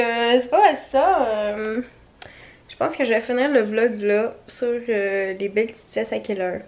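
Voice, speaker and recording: High-voiced Québécois woman vlogging at home. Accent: Québécois French. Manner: chatty, laughs often, coos at her dog. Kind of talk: casual home vlog talk. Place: at home on a couch in the evening.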